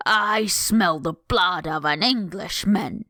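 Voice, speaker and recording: A woman voicing a huge, greedy male ogre in a storybook reading, slow and threatening. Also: fairly low pitch, pushed and bright, no room sound, studio quality, voice pushed down, exaggerated voice. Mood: menacing.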